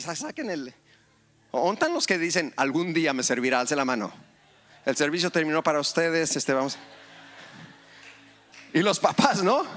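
A male pastor preaching a lively sermon in a church, joking with the congregation and calling for amens. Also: on the high side. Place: church hall.

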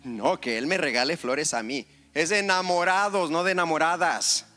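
A male pastor preaching a lively sermon in a church, joking with the congregation and calling for amens. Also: on the high side, normal speed. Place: church hall.

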